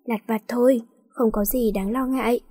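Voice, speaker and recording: Brief: a pouty young wife in a storybook, slightly high and breathy, voiced by a woman narrator. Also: fairly even intonation, normal speed, mellow, no echo, clean studio sound. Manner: pouty, curt replies. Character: young wife, teasing and sulky.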